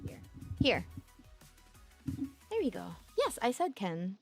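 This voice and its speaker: Young woman from the philippines chatting on stream, fairly high voice, jumps into squeaky quoted voices. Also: huge pitch swings, slow pace, soft background music. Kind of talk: casual storytelling chat.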